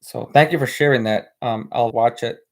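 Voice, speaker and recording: A man of medium pitch talks at a moderate pace with vocal fry. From the United States, he has an American accent though his first language is Spanish, and he rambles casually on a live stream, filling gaps with fillers and reading viewers' comments.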